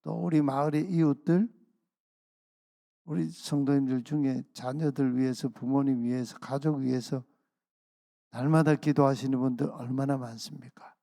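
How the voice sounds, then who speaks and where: A pastor giving a sermon at a dawn prayer service, earnest, slowing down to stress key phrases. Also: male voice, mid-range voice, fairly even intonation, creaky, warm tone, no echo, studio quality. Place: church sanctuary.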